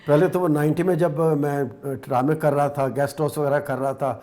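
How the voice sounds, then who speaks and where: A man's voice: a little high, fairly even intonation, darkish tone. A man in his sixties with a Pakistani Urdu accent, an actor telling his life story as an interview guest.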